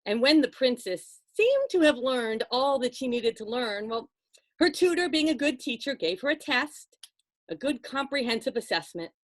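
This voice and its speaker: A woman tells a folktale aloud to her listeners in an expressive, conversational way, full of dramatic pauses and asides. Her voice is high-pitched, and the recording has no echo.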